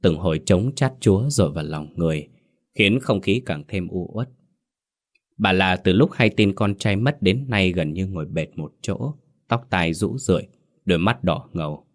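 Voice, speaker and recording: A man giving scripted horror narration in a measured, somber way. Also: sits low. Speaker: storyteller.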